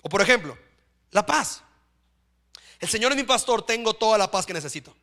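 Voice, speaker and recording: High, bright-voiced man preaching. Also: animated, normal speed. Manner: preaching, asks listeners "¿sí?" often. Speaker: pastor. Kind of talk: sermon. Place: church.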